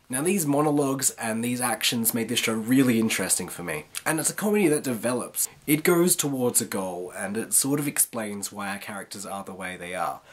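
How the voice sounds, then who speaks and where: A woman presents a review in a hoarse, flu-roughened rasp. Her husky delivery swings widely in pitch as she talks through her points like a video host. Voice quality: raspy, rough voice from illness. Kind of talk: review to camera, semi-scripted.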